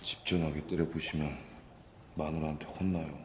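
An actor playing a brash, foul-mouthed, stubborn male prosecutor in a period film, talking bluntly and gruffly. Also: extremely low pitch, fairly even intonation, moderate pace. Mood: grumbling. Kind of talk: 1980s period film acting. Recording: film audio with faint noise.

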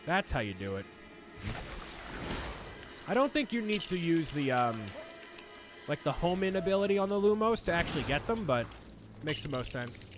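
A man chatting casually on a live stream as he plays a video game, reading chat aloud and bantering with the characters on screen. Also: fairly high pitch. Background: game music.

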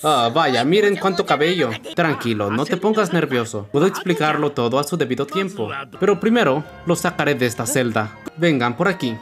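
A gentle old monster caretaker, as a man puts him on, soft-spoken and courteous. He speaks lower and quieter than the man's own voice, over loud game music. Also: animated, moderate pace, hardly any pauses, close to an everyday voice. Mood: calm. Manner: soothing, courteous.

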